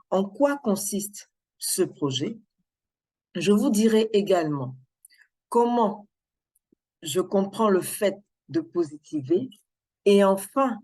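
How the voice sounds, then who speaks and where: A woman giving a prepared speech to a club, speaking in a measured, deliberate way. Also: mid-range voice, a little mellow.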